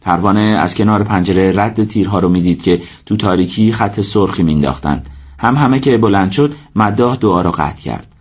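A man reading a story aloud as narrator, steady and measured. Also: lowish voice, slightly rough, highs cut off. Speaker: audiobook narrator. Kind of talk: scripted narration.

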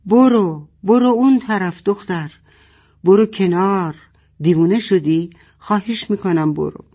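A stern, gruff father from a storybook shouts his orders in a raised, strained voice, as a man reads him. He sounds higher and louder than a plain reading voice. His delivery is urgent and commanding. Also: animated. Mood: urgent shouting.

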